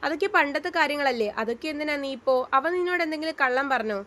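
Brief: woman reading as a soft-spoken young man in an audio story, coaxing, high-pitched voice. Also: rapid-fire. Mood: soothing. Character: gentle young man, soothing, reassuring lover.

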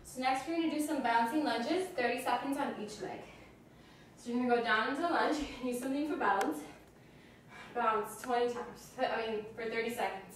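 A young woman gives workout instructions while exercising, slightly out of breath, in short cues with breathy pauses. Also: on the high side. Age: young adult. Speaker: fitness instructor. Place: indoors, small carpeted living room. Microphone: camera a few meters away. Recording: echoey room, distant mic, faint noise.

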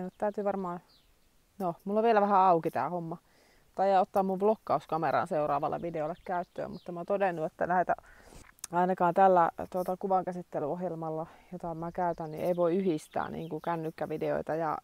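A woman in her forties talks casually to her phone camera around her countryside home, thinking aloud and filling pauses as she goes. Her voice sits fairly low and sounds dry and close, with little room around it. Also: a little mellow, no echo. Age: 40s. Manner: chatty, thinks aloud with many fillers. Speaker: vlogger. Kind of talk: casual vlog chat. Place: rural home and yard.

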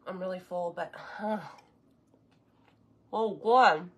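A woman's voice: on the low side, slow pace. A woman, chatting casually on a live cooking stream while eating, enthusiastic and sometimes talking with her mouth full.

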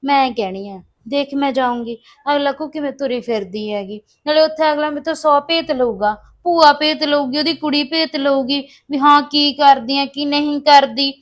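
A woman playing a high-voiced anxious young daughter. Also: normal speed, few pauses, natural voice. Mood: pleading, upset. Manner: pleading, defensive. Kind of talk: family drama acting.

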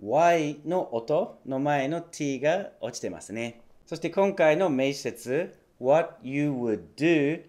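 Guy teaching english pronunciation, kinda high voice, clear and patient, repeats stuff slow. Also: animated, a little mellow. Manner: clear, patient, repeats phrases slowly for practice. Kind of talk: language lesson.

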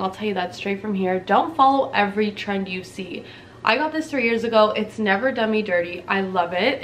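Talking to camera from a small dim room, this beauty vlogger is a bubbly, slangy woman in her twenties from Canada, chatting casually. She has a mid-range voice, and a slight hiss or hum can be heard.

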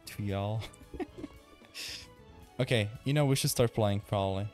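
A young Czech streamer with a Czech accent chats casually while gaming, reading chat aloud and occasionally swearing. His fairly low, darkish voice keeps a measured pace over soft background music.

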